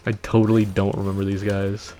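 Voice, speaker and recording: A man's voice: fairly low pitch, flat delivery, brisk, mellow, faint music behind. A man casually chatting while streaming a video game, loose and sweary with frequent laughs. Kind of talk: casual gameplay livestream chat.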